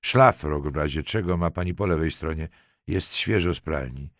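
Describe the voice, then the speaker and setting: A man's voice: a bass voice, moderate pace, no echo. A man reading a self-assured police lieutenant who trades dry, ironic banter. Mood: wry.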